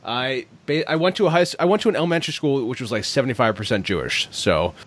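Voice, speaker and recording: A man's voice: mid-range voice, lively intonation, fast talker, a bit bright. A man hosting a casual podcast chat, rambling and correcting himself often as he jokes with his guests. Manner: rambling, self-correcting, jokey. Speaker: podcast host.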